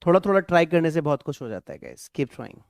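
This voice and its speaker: A man's voice: on the high side, very animated, quick pace, vocal fry, dry recording, studio quality. A man teaching spoken English online, encouraging his students and repeating points often. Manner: repetitive, encouraging teacher mixing Hindi and English.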